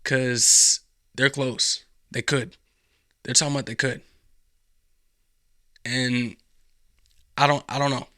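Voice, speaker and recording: A man's voice: medium pitch, little pitch movement, takes it slowly, pauses often, sharp tone, no room sound, studio quality. A young American man giving casual political commentary as a podcast host, rambling and often restarting his sentences. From United States. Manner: rambling, repeats himself, frequent restarts.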